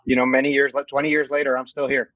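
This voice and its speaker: Male guest from Mexico, about forty, mid voice, deliberate answers, dry recording. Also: mid-range voice, flat delivery, dry recording, highs cut off. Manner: measured, restarts phrases while thinking. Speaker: guest, company executive. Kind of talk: casual interview.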